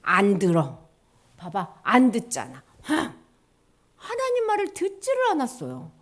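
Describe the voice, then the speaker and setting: A woman preacher giving a children's sermon, animated storytelling in simple words, asking the listeners questions. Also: on the high side, measured pace.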